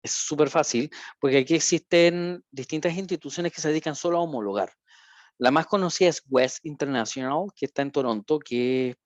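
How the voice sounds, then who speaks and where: A man's voice: on the high side, no room sound. A man, a psychologist and caregiver, answering a seminar question in a conversational, explanatory way with frequent fillers. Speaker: invited speaker, psychologist and caregiver. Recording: dull, dry video-call audio.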